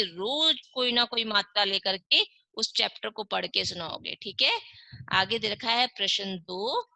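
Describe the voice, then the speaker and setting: A woman's voice: medium pitch, gravelly, bright, forceful tone, no echo, low-quality recording. A woman teaching young children in an online class, reading words syllable by syllable and asking and answering her own questions. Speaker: primary school Hindi teacher.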